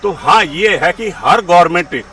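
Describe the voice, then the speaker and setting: A man's voice: high voice, lively intonation, measured pace, sharp tone, a little hiss or hum. A man, explaining his opinions in a street interview, peppering his speech with English terms and a repeated filler phrase. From India. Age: 70s. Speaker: interviewee giving political opinions. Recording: distant mic, outdoor street recording.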